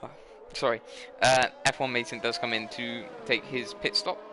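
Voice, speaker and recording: A man's voice: mid-range voice, fairly even intonation, moderate pace. Tired young guy doing race commentary, keeps correcting himself, noisy background hum. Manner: rambling, self-correcting, tired. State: tired, yawning. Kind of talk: live sim racing commentary.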